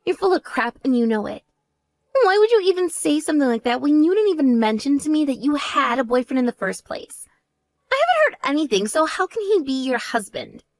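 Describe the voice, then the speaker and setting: A woman's voice: high voice, big pitch swings, fairly quick, dry recording. Woman voicing a vain, taunting younger sister. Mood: indignant. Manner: boastful, taunting, indignant. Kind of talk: voiced text story dialogue.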